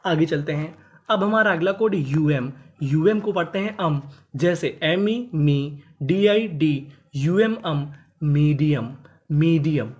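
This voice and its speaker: Teacher voice for a phonics lesson, measured and repetitive, spells words letter by letter. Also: mid-range voice, slightly rough, muffled recording. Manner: repetitive, drawn-out teaching cadence. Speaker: English teacher.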